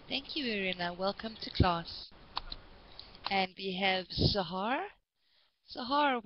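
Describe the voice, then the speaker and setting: A woman's voice: mid-range voice, dry recording, muffled recording. Patient woman teaching an online class. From South Africa. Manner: patient, encouraging, repeats names.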